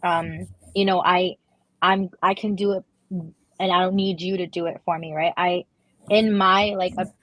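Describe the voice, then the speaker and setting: A woman's voice: on the low side, fairly even intonation, a little slow, a bit bright, no room sound, low-quality recording. A woman with a Toronto accent in a casual panel discussion, making points and checking for agreement as she goes. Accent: Toronto Canadian. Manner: conversational, checks agreement with "right".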